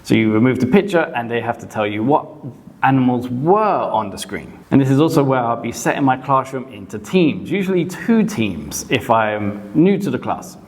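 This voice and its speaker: A man who teaches English, casually explaining teaching tips in a relaxed, conversational way with frequent hedges. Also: medium pitch, normal speed. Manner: relaxed and conversational, often hedging. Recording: long reverb, hall-like echo.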